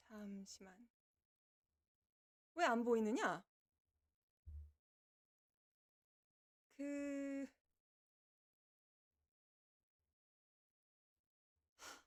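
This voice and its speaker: A woman's voice: medium pitch, natural voice. A woman voicing a kindly, lordly female reaper from the underworld who chats to livestream viewers in archaic speech. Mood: distracted, muttering. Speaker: virtual streamer hosting a debut live broadcast. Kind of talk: in-character livestream chat with viewers.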